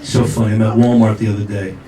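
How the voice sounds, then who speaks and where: A man's voice: on the low side, little pitch movement, fast talker. A middle-aged man doing a brash, rambling, self-mocking stand-up comedy set. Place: live comedy show venue. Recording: roomy live venue, distant mic, loud noise.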